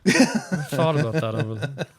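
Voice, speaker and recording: A man's voice: a little high, animated, normal speed, a crowd in the background. A man in his late thirties co-hosting a podcast, in loose, profane, laughing banter. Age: late 30s. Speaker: podcast co-host. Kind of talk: casual chat.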